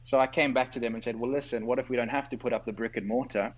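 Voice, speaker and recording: A South African man, a guest entrepreneur in a conversational interview, lays things out clearly and in a structured way. He sounds tired, as it's late at night. His mid-range voice is steady in tone and moves fast.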